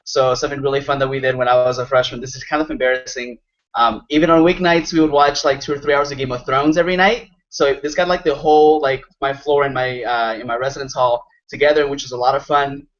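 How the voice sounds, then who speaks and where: A man's voice: mid-range voice, fairly even intonation, quick pace. A young man from Venezuela, a student advisor, chatting upbeat on a panel. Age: young adult. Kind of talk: casual panel chat. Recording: dull lo-fi audio.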